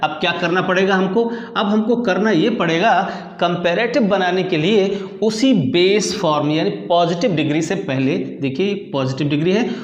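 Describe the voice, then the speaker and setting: A man with a high voice delivers a grammar lesson in lecture style. He repeats the key words and keeps putting questions to his students. The sound has a roomy echo. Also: highs cut off. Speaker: English grammar teacher. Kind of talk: classroom lecture in Hindi. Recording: echoey room.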